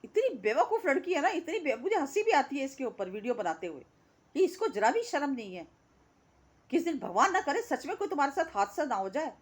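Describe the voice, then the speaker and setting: A woman's voice: high voice, big pitch swings, a little fast. A woman giving an indignant, scolding reaction commentary, repeating words for emphasis. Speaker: reaction vlogger.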